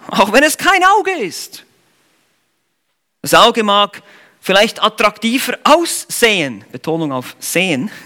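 A man preaching an expository sermon in a high, bright voice that leaps up and down with feeling. He talks earnestly to the congregation, puts rhetorical questions to them and stops to explain Greek words. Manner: explains Greek word meanings.

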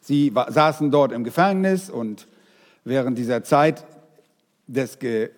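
A man preaching a sermon, speaking straight to his congregation in a lively way. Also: mid-range voice, a little slow, in a large hall. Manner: lively, addresses the congregation directly.

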